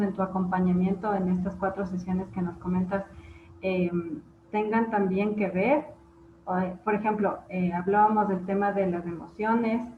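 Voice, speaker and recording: A woman's voice: medium pitch, slight background noise. A woman host asking an interview guest long, searching questions, hesitating as she phrases them. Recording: tinny, echoey video call line.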